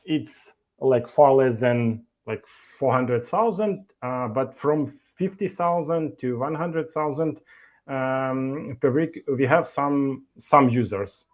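A man presents over a video call, speaking slowly and deliberately at a middle pitch. He pauses often, filling the gaps with hesitations and restarting phrases. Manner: halting, many fillers and restarts. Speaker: conference speaker from an e-learning developer. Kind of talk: online meetup presentation.

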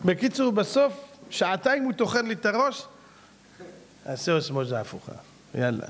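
Lively, high-voiced rabbi telling a story. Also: male voice. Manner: acts out both sides of a dialogue with a salesman. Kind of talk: animated storytelling sermon.

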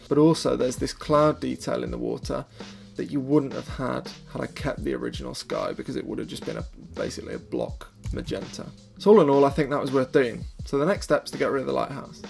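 A man's voice: medium pitch, creaky. A young man chatting casually and explaining his photo editing step by step, self-deprecating. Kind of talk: casual vlog and editing tutorial.

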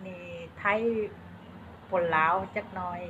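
A woman from Buriram with an Isan Thai accent, chatting slowly and haltingly to her vlog viewers and mixing in Isan particles. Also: bright, forceful tone, slight background noise. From Isan, Buriram province, Thailand. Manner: slow and halting, with many fillers and Isan particles. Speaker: vlogger. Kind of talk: casual chat to camera. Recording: dull lo-fi sound with faint ambience.

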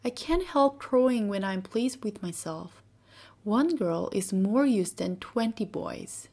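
A woman voicing a cheeky, boastful boy who never grows up, in a soft whispered role-play for a bedtime storybook. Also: mid-range voice, expressive, takes it slowly.

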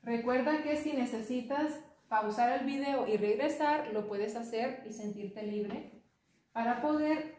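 Slow patient woman teaching English. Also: a little high, warm tone, distant mic. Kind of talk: online English lesson. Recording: echoey room, voice from off-mic.

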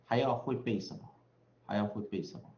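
A man's voice: fairly low pitch, a little fast, a little mellow, reverberant, lo-fi sound. A man from the western United States teaching English pronunciation online, chatty, drawing out vowel sounds in drills with frequent tag particles.

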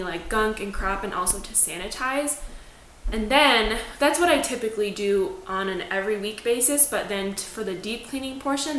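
A woman's voice: fairly high pitch, fairly bright tone. A woman in her twenties chatting casually through a home cleaning vlog, upbeat and full of fillers. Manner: chatty, upbeat, says "like" often. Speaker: lifestyle vlogger. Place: small apartment living room, indoors. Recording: echoey room, faint room noise.

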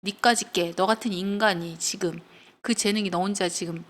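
A woman's voice: mid-range voice, fairly even intonation, moderate pace, a bit bright, natural voice. A woman voicing an angry, haughty goddess who scolds a mortal, said in a lesson's storytelling. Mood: scornful. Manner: scornful, demanding.

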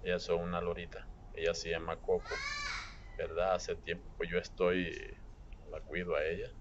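Deep-voiced Honduran man, muffled recording. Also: normal speed. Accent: Honduran Spanish. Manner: chatty and affectionate, full of filler words. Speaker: pet owner presenting his parrots. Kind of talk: casual home video. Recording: muffled with steady background noise. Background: parrots chattering in the background.

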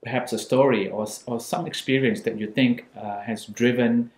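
A male interviewer heard from off camera, whose questions carry a roomy echo. He asks short questions and reacts with brief, encouraging remarks, at an ordinary middle pitch. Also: fairly even intonation, moderate pace, a little mellow.

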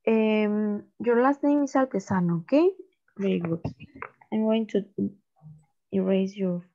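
A woman teaching an online English class to children, modelling phrases slowly and explaining in Spanish. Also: mid-range voice, mellow. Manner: patient, slow model reading, switches to Spanish to explain. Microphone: video call. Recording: dull lo-fi call audio.

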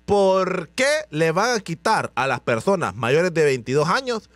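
A man's voice: a little high, sing-song, measured pace, fairly bright tone, dry recording. A man with a Honduran accent hosting a comedic radio news show, joking and slipping into a mock newsreader voice.

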